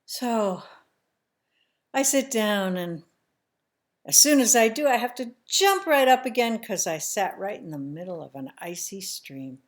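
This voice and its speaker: A woman telling a family story in the first person, slow and emotional, sometimes dropping to a hushed near-whisper. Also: mid-range voice, animated.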